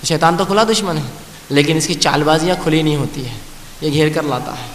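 A man preaching a sermon, slowly reciting scripture and then explaining it with repeated phrases. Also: on the high side. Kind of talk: Urdu sermon with Quranic recitation. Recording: echoey hall with faint hiss.

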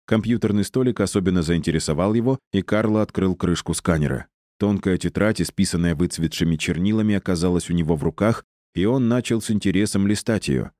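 A man narrating an audiobook in a measured, even reading. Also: sits low, no echo, studio quality. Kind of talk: scripted narration.

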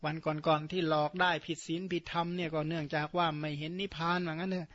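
A man's voice: fairly high pitch, flat delivery, quick pace, a bit bright, dull audio. A man, a Buddhist monk whose first language is Khmer, giving a dharma talk that retells scripture with casual spoken asides. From Surin, Thailand. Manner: explains terms, adds colloquial asides and tag particles.

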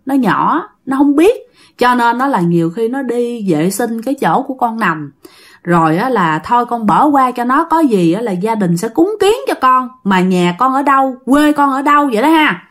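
A woman voicing an elderly grandfather who humbly pleads with a ghost in a soft voice. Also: a little high, animated, moderate pace. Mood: pleading.

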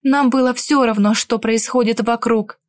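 A woman's voice: on the high side, fairly even intonation, normal speed, dry recording. Woman narrating a romance audiobook. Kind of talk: first-person scripted narration.

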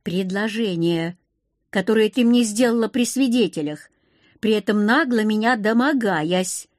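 A woman reading an audiobook, voicing a furious, gruff young male commander who scolds and shouts. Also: mid-range voice, unhurried, no echo, studio quality, lightly acted. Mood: growling.

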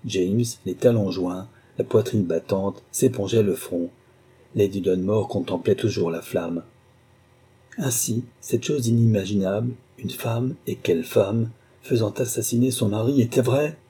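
A man's voice: lowish voice, unhurried, mellow, slightly rough. A man reading a short story aloud as narrator, with a dramatic, suspenseful delivery. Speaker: audiobook narrator.

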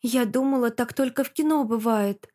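A woman's voice: fairly high pitch, mellow, lightly acted. Woman doing an eager, wide-eyed little girl. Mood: excited. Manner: breathless, pleading, quick to whine.

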